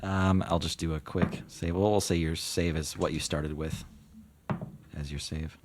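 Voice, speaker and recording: Deep-voiced man running a tabletop game. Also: fairly even intonation, unhurried, background noise. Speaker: game master. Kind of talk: casual improvised tabletop game narration.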